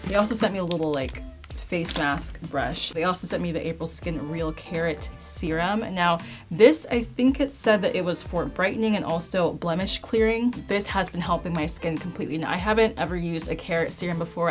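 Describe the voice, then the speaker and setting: Chatty young woman, lowish voice. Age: 20s. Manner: chatty, upbeat, addresses viewers as you guys. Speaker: beauty vlogger. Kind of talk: casual chat to camera. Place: indoor filming space.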